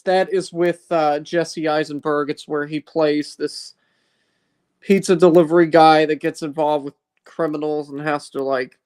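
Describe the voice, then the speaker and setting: A man's voice: fairly high pitch, clear, resonant tone. A man chatting casually as a co-host, making brief, agreeable asides. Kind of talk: casual chat.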